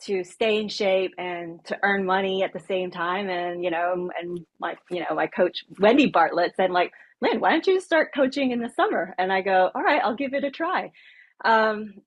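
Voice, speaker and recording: A woman in her late thirties from Malaysia speaks on a coaching panel. Her voice sits low. She talks haltingly, with many pauses and fillers. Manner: halting, many ums, laughs easily. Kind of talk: panel discussion.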